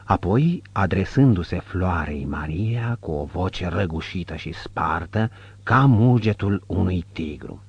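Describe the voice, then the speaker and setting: A man narrating an audiobook in a measured, descriptive reading. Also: low voice, lively intonation, a little mellow, slightly rough, no echo, lo-fi sound. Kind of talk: scripted narration.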